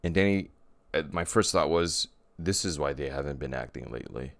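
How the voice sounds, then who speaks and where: Male podcast co-host with a very deep voice and a dry, close sound; loose, rambling talker who keeps restarting. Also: brisk, creaky, dry recording. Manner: rambling, often restarts and corrects himself. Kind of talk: casual chat.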